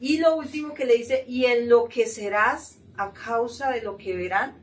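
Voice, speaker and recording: A woman with a high-leaning voice leads a Bible study at a moderate pace, reading scripture aloud and then explaining it. She often puts questions to the group, and the distant mic picks up faint room noise.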